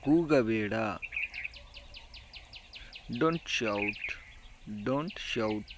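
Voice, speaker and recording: A man teaching English phrases in a slow, deliberate drill, saying each phrase twice. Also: mid-range voice, lively intonation, background noise. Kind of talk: slow, repeated vocabulary drill.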